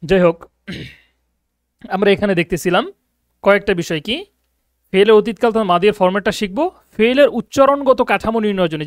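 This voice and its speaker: Brief: male online Arabic tutor, higher voice, close dry sound, keeps asking "got it?". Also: clean tone, dry recording. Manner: explains patiently, often checks understanding with questions. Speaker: Arabic teacher. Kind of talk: online grammar lesson. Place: abroad in Egypt, teaching online.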